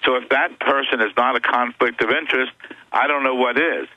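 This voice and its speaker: A man's voice: mid-range voice, fairly even intonation, fairly quick, dry recording, highs cut off. A man who is an attorney, a guest on a talk radio show, speaking earnestly and insistently as he lists grievances.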